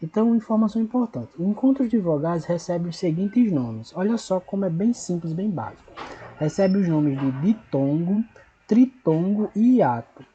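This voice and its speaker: A man teaching a recorded lesson, patient and repetitive, slowly spelling out syllables and checking in with his pupils. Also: high-pitched, lively intonation, dark tone, lo-fi sound.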